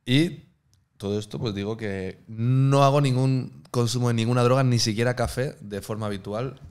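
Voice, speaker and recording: A man's voice: medium pitch, fairly even intonation, normal speed, darkish tone. A man, hosting a podcast in an earnest, careful way. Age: 20s. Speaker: podcast host. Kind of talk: casual podcast chat.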